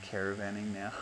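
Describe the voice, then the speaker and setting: Chatty grandfather tattoo artist, lowish voice. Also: fairly bright tone, slight background noise. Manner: chatty, laughing storyteller. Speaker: tattoo artist and podcast host. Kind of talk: casual chat. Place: tattoo studio. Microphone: lapel mic.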